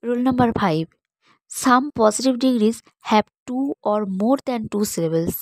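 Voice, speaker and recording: Lady teacher reading grammar lists real slow, dry mic. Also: a little high, lively intonation, dry recording, poor audio. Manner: slow deliberate recitation of word lists. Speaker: English teacher. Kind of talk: slow recited grammar lesson, English and Bengali.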